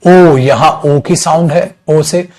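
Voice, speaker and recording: A man's voice: on the high side, slow, a little mellow, poor audio. A man teaching an English class online, calling students "beta" and stretching out sounds to demonstrate them.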